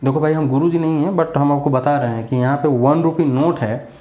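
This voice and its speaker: A man's voice: fairly high pitch, steady tone, fairly quick, dark tone, roomy sound. A man giving a casual grammar lesson, chatty and repetitive as he drills examples. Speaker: English grammar teacher.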